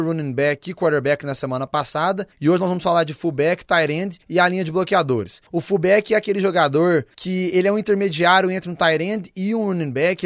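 Fast-talking Brazilian male football analyst. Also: a little high, no echo, clean studio sound. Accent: Brazilian Portuguese. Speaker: sports radio commentator. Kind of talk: American football analysis and commentary.

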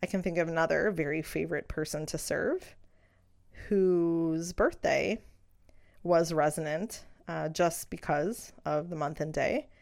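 Her voice is deep, with vocal fry, as this middle-aged midwife works through her beliefs on a solo podcast. She's reflective, earnest, and in no hurry, dropping in soft fillers.

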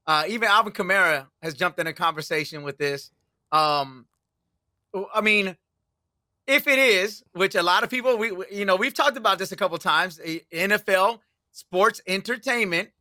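A man's voice: sits high, moderate pace, sharp tone, dry recording, clean studio sound. A man co-hosting a sports talk show, chatting loosely and steering the conversation to new topics.

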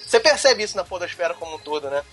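A man's voice: sits high, sing-song, racing, fairly bright tone, faint music behind. A man with a honking, duck-like voice and a carioca Brazilian accent, chatting casually as a podcaster. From Rio de Janeiro, Brazil. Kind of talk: casual group chat.

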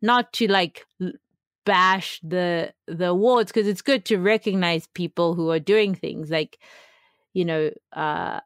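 A woman's voice: fairly low pitch, measured pace, no echo, clean studio sound. A young woman with a South African accent co-hosting a podcast, chatting casually with plenty of fillers and laughter. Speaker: podcast co-host.

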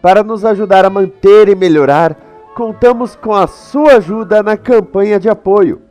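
Brazilian male host, higher voice, upbeat announcer read for a podcast opener. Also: moderate pace, a little mellow, highs cut off, soft background music. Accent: Brazilian Portuguese. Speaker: show host. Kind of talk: scripted show introduction.

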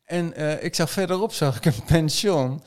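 A man's voice: a little high, moderate pace. A man casually recounting his experiences as a trail runner, acting out his own thoughts as he tells it. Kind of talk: casual conversational storytelling.

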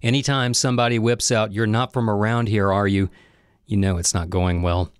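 Wry low-voiced male narrator. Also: fairly even intonation, moderate pace, clear, resonant tone, no echo, clean studio sound. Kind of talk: comic storytelling narration.

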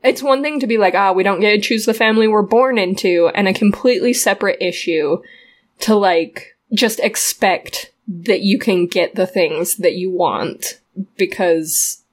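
A woman's voice: mid-range voice, normal speed. A woman co-hosts a casual podcast and rants in a heated, indignant way about a character's behavior. Her talk is conversational and emphatic. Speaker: podcast co-host. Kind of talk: casual recap chat.

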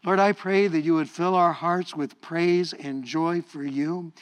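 A middle-aged male pastor, his voice on the high side and his pace measured, preaches a playful, lively sermon. He often repeats words and leads the congregation in call-and-response praise.

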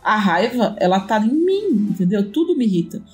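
A woman's voice: medium pitch, normal speed, soft background music. A woman co-hosting a podcast, chatting casually and telling stories dramatically. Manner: animated, dramatic storytelling. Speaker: podcast co-host. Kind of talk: casual chat.

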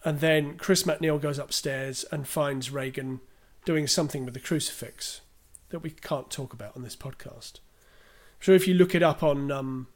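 A man co-hosts a casual podcast with a voice that sits a little high. He talks in a chatty, storytelling way, walking through film scenes and stopping to read out listener questions. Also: normal speed, hardly any pauses. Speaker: podcast co-host.

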